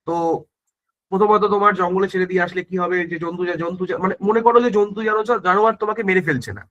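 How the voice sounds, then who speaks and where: A male teacher talks the class through exam prep, his voice high-pitched and ringing bright. he keeps checking that everyone follows, throws in tag questions and often stops to restart a word. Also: fairly even intonation, racing, dull audio. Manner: frequent self-corrections and restarts. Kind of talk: online exam-prep grammar lesson.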